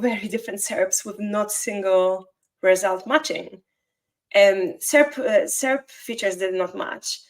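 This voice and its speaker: A woman from Poland, speaking with a Polish accent and a mid-range voice, appears as a guest SEO consultant in a conversational interview. She explains things at length, fluently, though with small grammar slips and restarts.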